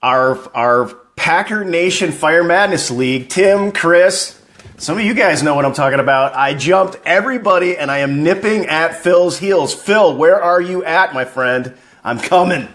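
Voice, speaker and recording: A man's voice: on the high side, measured pace, a bit bright. A man hosting a live fan stream, greeting viewers by name and chatting casually about football news.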